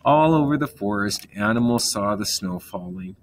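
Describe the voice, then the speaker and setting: A man reading a children's story aloud in a calm manner, gently explaining words along the way. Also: on the low side, moderate pace, a little hiss or hum.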